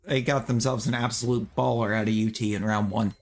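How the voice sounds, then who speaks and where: A man with a lowish, steady voice talks a little fast while streaming a video game. He chats casually with viewers, sharing opinions in a loose, rambling way full of restarts and fillers.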